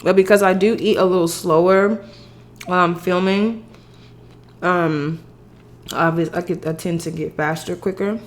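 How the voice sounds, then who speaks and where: A woman's voice: fairly low pitch, fairly even intonation, moderate pace, long pauses. A woman chatting casually to the camera in a rambling way as she hosts an eating show, eating crunchy fried chicken as she talks. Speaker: mukbang host.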